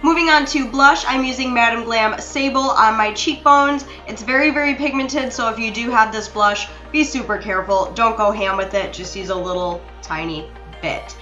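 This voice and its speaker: A woman's voice: a little high, moderate pace, lo-fi sound. A young woman narrating a makeup tutorial in a chatty, apologetic way, talking straight to her viewers. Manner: chatty, apologetic, addresses viewers as you guys. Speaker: beauty vlogger. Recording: roomy echo with soft music behind.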